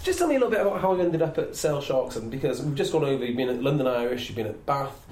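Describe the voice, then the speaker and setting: Fast, lively male podcast host. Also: mid-range voice, slight background noise. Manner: jokey, chatty interviewer. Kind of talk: casual interview chat. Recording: roomy echo.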